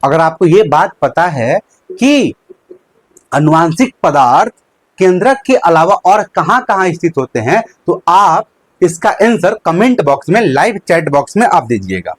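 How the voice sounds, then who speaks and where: A young male teacher gives a live online lesson. His voice sits high and swings widely up and down. He poses questions, answers them himself, and repeats each key term, all in a dry, close room. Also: very animated, unhurried, no room sound. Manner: uses a handkerchief as a prop.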